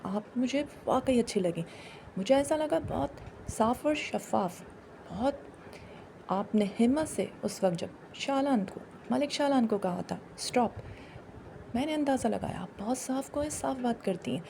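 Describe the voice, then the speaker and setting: An earnest young suitor, voiced by a woman in a dramatized story reading, insisting on his feelings again and again. The voice sits fairly high and sounds warm and mellow. A faint background hum is present. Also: lively intonation, unhurried, vocal fry. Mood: pleading. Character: young man, lovestruck and pleading suitor.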